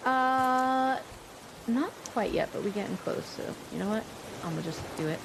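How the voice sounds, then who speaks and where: A woman's voice: fairly high pitch, normal speed. Effusive woman streamer over noisy ambience. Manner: effusive, freely swearing. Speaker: video game live streamer. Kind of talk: casual live gaming chat with viewers. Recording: steady noisy ambience behind voice.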